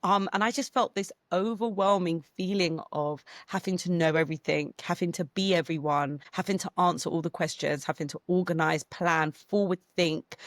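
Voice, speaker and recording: Lively woman, 30s, casual interview chat, dry close sound. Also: fairly low pitch, moderate pace, hardly any pauses, no room sound. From London, England. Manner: animated storyteller, acts out quotes. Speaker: guest entrepreneur.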